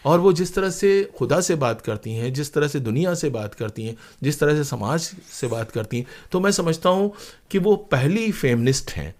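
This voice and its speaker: An Indian man, a playwright and former radio broadcaster, speaks as an interview guest in a slightly high, darkish voice with lively intonation, a moderate pace and almost no pauses. He tells stories reflectively and earnestly, leaning on emphatic repeated phrases and rhetorical questions.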